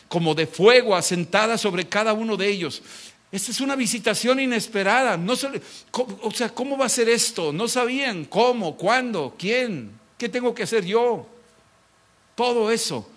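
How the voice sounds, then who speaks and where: A middle-aged pastor, preaching a dramatic sermon and acting out mocking voices. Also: male voice, high voice, a bit bright.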